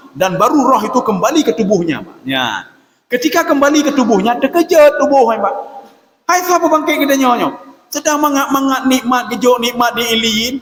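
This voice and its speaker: A man giving a religious lecture, often addressing listeners as "Pak" and reciting Arabic prayers slowly, with an Acehnese-tinged Indonesian accent. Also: extremely high pitch, fairly bright tone. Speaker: preacher. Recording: echoey hall, reverberant.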